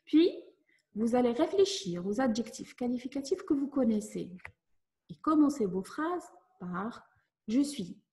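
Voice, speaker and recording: A woman teacher giving a lesson to children, speaking slowly and clearly as she explains each step. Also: a little high, sing-song, dark tone. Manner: slow, clear, instructive. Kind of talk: classroom lesson narration.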